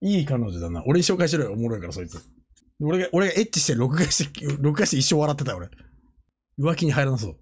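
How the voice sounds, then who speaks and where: A male streamer chats casually with his audience and keeps the talk joking and animated. His pitch leaps and dips a lot from phrase to phrase. He laughs often and slips into playful mimicry. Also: fast, slight background noise. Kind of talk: casual livestream chat.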